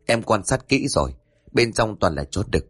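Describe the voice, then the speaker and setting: A man's voice: fairly low pitch, very animated, moderate pace, a bit bright, breathy edge, dry recording, heavily acted. A man voicing a boastful young male thug in a spoken horror story, cocky and mocking.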